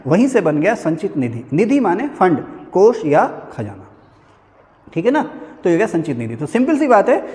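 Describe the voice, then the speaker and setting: Male lecturer, high and animated delivery, chatty with students, echoing hall sound. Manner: chatty, addresses students as beta, frequent "hai na" asides. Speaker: civil services teacher. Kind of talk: classroom lecture.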